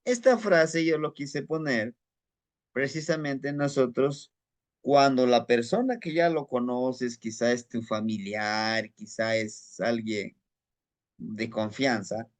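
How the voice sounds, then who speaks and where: Man, Guerrero Mexican Spanish accent, slow unhurried lesson, halting repeated words, rhetorical questions. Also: mid-range voice. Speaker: Nahuatl language teacher. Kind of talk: casual spoken lesson.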